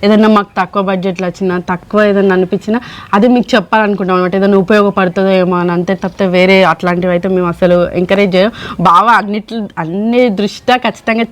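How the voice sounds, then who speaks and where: A woman's voice: mid-range voice, fairly even intonation, quick pace. A woman co-hosting a casual home vlog, earnestly chatting and reading viewer comments aloud. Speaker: vlog co-host.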